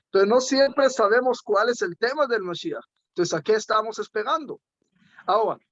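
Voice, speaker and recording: A man, a rabbi, giving a spoken teaching talk in a measured way, pausing often and asking rhetorical questions. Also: sits high, a bit bright, dry recording, lo-fi sound.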